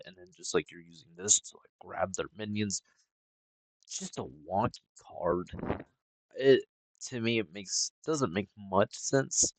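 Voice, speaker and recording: Low creaky dude rambling thru card reviews, lots of ums, dry close mic. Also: male voice, no echo. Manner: rambling, heavy on fillers and hedges; laid-back, sometimes yawning. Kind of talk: casual game review commentary.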